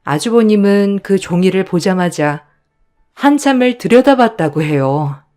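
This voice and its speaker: A woman's voice: medium pitch, animated, measured pace, warm tone, soft background music. Woman narrating an aggrieved personal story. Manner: aggrieved, recounting.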